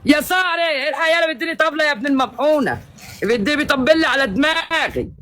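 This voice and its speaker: Shrill theatrical Egyptian man streaming live. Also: lively intonation, fast talker. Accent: Egyptian Arabic. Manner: loud, theatrical, keeps calling out to his viewers. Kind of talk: live-stream chatter begging viewers for gifts. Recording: live-stream audio with loud crowd noise.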